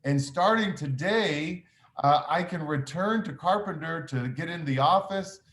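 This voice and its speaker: A man's voice: fairly high pitch, measured pace, fairly bright tone. Upbeat man on a school intercom. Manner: upbeat, encouraging, with frequent "uh" fillers. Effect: school intercom announcement sound. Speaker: school principal giving morning announcements. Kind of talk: school intercom morning announcements. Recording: echoey room with faint noise.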